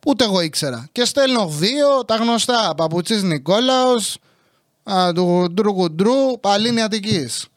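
A man with a fairly high voice tells a crude, comic everyday story in a casual way. He sounds exasperated and swears freely. The sound is close and dry, with no echo. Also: lively intonation. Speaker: podcast host.

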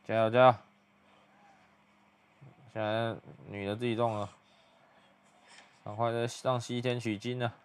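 A young man giving hushed, muttered play-by-play commentary as he reacts to a video. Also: medium pitch, little pitch movement, measured pace, pauses often, smooth.

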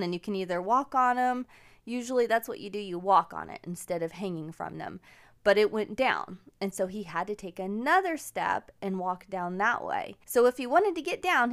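A woman in her forties, hosting a podcast and telling personal stories in an upbeat, encouraging way. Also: medium pitch. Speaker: podcast host. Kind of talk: casual personal storytelling.

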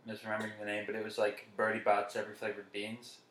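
A man's voice: lowish voice, completely flat delivery, fast, a bit bright, slight background noise. A man in casual chat, mostly giving short replies and telling a small memory. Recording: echoey room.

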